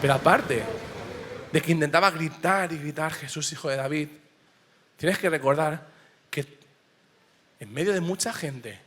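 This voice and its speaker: Bright, high-voiced man preaching. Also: measured pace, long pauses, slight background noise. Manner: passionate, swings from hushed to shouting. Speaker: pastor. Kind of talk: sermon. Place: church auditorium. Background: soft piano.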